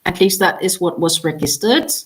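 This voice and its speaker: Speaking at normal speed in a fairly low voice, a woman hosts a crochet livestream with casual chatter. Danish is her first language; she's talkative, says um a lot, trails off and restarts, and sounds tired after a long day.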